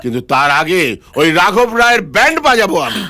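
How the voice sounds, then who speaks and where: An indignant, protesting friend. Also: male voice, sits high, very animated, quick pace, pushed and bright, full character voice. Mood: angry. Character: indignant old friend of the father. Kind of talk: comic film dialogue.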